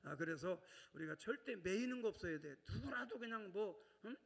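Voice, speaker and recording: A man's voice: high-pitched, lively intonation, moderate pace, gravelly, fairly bright tone. A male pastor preaching a sermon in a chatty way, often checking in with the congregation. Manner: conversational, keeps prompting the congregation. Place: church sanctuary. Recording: long church reverb.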